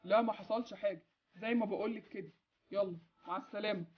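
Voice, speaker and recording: A woman's voice: medium pitch, racing, dull audio, lightly acted. A woman with an Egyptian accent voicing a good-hearted but decisive husband in an amateur game animation. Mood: curt.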